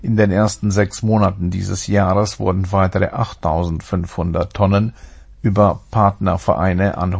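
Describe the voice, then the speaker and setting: A man's voice: sits low, creaky, darkish tone, slightly rough. A man reading a scripted radio news bulletin in a formal, factual manner. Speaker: newsreader.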